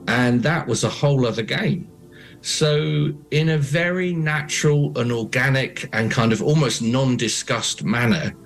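A man's voice: mid-range voice, poor audio. British man, reflective storyteller over music. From Britain. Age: 40s. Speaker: oral storyteller and interview guest.

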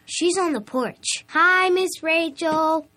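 A woman's voice: very high voice, slow pace, bright, forceful tone, exaggerated voice. An actress playing an eager, curious young country boy full of questions.

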